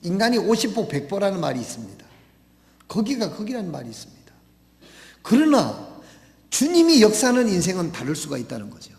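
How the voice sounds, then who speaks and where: A male pastor preaches in a church sanctuary. His fairly high voice has a gravelly edge, and he swings between loud exhortation and quiet asides. The long reverb of the hall rings around every phrase. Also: wildly swooping pitch, fairly quick, long pauses. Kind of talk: sermon.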